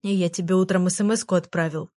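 A woman reading aloud, voicing a shy, tongue-tied teenage boy who speaks slowly and hesitantly. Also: lowish voice, steady tone, natural voice. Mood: bashful. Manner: hesitant, slow, quiet.

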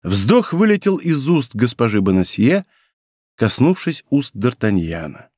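A man narrating a classic adventure novel as an audiobook, in an expressive, theatrical manner. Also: mid-range voice, unhurried, dry recording, clean studio sound.

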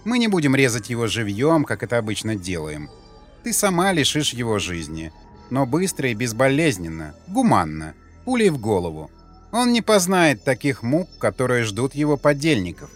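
A man voicing a cruel female leader of warrior women, speaking in an eerily calm, menacing way over faint music. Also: medium pitch, normal speed.

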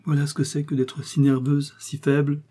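A man's voice: fairly high pitch, monotone, normal speed, mellow, slightly rough, pitched above the performer's own voice. A man doing a trembling, tearful old servant woman. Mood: agitated. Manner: trembling, sobbing pleas.

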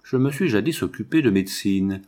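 A man's voice: on the low side, expressive, a little mellow. A man reading a gloomy old scientist. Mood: grave. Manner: grumbling, measured. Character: gloomy elderly male scientist. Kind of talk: audiobook reading.

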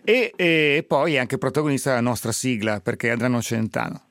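Male radio host, studio mic, gravelly, dry sound, brisk and chatty. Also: mid-range voice, lively intonation, a bit bright, no room sound. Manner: conversational, brisk. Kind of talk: radio chat.

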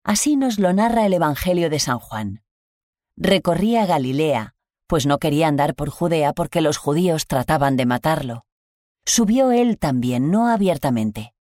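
A reader with a Spain Spanish accent, slowly and solemnly reading a Gospel passage and a reflection on it. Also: medium pitch, a little mellow, dry recording, clean studio sound. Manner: measured, solemn, deliberate phrasing. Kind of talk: scripted liturgical reading.

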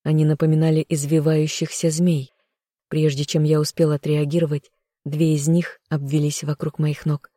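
An audiobook narrator reading a dramatic first-person fantasy story in a steady, even way. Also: mid-range voice, normal speed, no room sound, studio quality.

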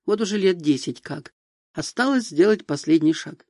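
A man's voice: on the high side, expressive, normal speed, gravelly, a little mellow, no room sound, studio quality. A man voicing a big, skeptical young man who talks in a wry, mocking way in an audiobook.

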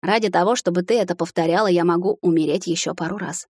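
A woman voicing a determined young male corporate leader who speaks in a calm, dry, teasing way. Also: fairly low pitch, fast, no room sound, natural voice. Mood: weary.

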